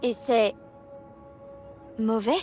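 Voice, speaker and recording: A woman's voice: a little high, little pitch movement, drawn-out words, dark tone, faint music behind. A woman playing an anxious, self-doubting friend in a French video game, hesitant and fretful. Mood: nervous.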